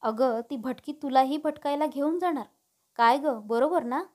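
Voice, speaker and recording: A woman's voice: high-pitched, moderate pace, a little mellow, natural voice. A woman voicing a fussy, nagging middle-aged mother in a storybook reading. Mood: scolding. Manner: teasing, nagging.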